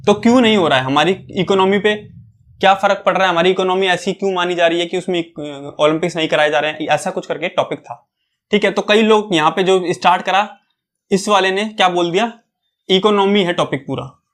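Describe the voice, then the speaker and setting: Young male guide, fairly high voice, relaxed conversational coaching tone. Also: a little fast. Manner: conversational, often checks in with "okay". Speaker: exam preparation guide. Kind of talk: casual advice talk.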